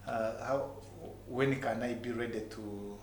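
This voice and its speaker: A middle-aged man with a Ugandan accent tells his personal story in a motivational way, haltingly, repeating words for emphasis. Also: medium pitch, steady tone. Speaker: entrepreneur guest telling his story. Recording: echoey room with clear background noise.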